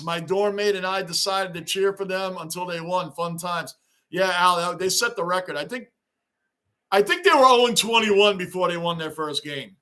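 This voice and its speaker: Excitable high-voiced livestream host man. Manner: talkative, excitable, shouts greetings to chatters. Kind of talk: casual livestream chat reading fan comments.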